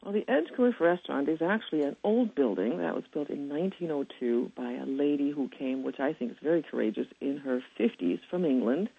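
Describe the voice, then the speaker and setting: A woman's voice: deep voice, animated, brisk, gravelly, few pauses, breathy edge. A woman from Germany, a restaurant owner, telling stories as a guest in a radio interview over a phone line. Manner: warm storytelling with frequent laughs.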